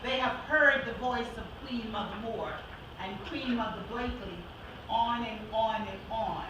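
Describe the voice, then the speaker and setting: A woman's voice: fairly high pitch, unhurried. A woman giving a formal speech to a meeting, emphatic and repeating lines for stress. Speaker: speaker at a meeting. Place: large meeting room. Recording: echoey room from far off, noisy.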